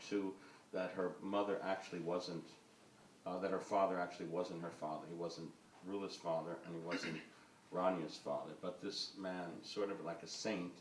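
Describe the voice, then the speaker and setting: A film director's low voice comes from far off the mic in a roomy event hall, where he sits on a panel in front of an audience. He rambles and hesitates, peppering his speech with uhs and ums, and a little hiss or hum runs under the recording.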